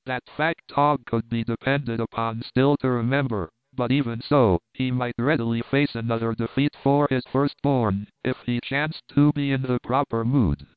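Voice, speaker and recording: Man, storybook narration, measured and steady, crisp resonant voice, dry tinny phone-like sound. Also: medium pitch, dry recording. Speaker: audiobook narrator.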